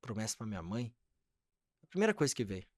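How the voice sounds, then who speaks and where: A man's voice: lowish voice, big pitch swings, fast, dry recording, studio quality. A man, a podcast guest, telling an emotional personal testimony and acting out the voices in his dialogue.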